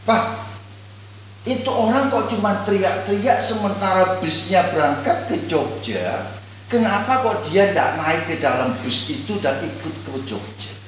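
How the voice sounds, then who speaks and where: Man playing a young boy, soft tearful questions, echoey room, faint hum. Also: sits high, expressive, measured pace, highs cut off, pitched above the performer's own voice. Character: young boy asking his father questions. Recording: echoey church hall, far mic.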